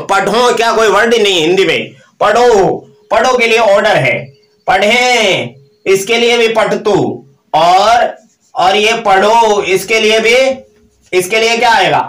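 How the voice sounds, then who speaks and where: Male teacher, high voice, recites forms and quizzes himself; roomy echo. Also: a bit bright. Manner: drills verb forms aloud, asks and answers his own questions. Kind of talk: live online grammar lesson.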